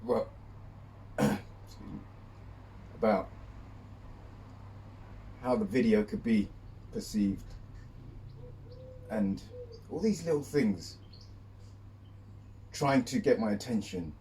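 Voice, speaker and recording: A low-voiced man talks slowly and reflectively as he sits in ice cold water. He pauses often between short phrases, and is heard from a little way off the mic, outdoors. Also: lively intonation, mellow. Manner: speaking while sitting in ice cold water, measured with pauses. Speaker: vlogger. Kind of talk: reflective talk to camera. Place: outdoors, birdsong behind. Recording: distant mic, faint outdoor noise.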